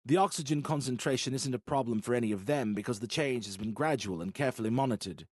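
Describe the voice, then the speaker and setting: A calm, earnest leader , as a male narrator voices him, explains the risks in a steady, patient way. His pitch sits in a middle range, a touch above the narrator's own, and the recording is close and dry. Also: quick pace, no room sound, lightly acted.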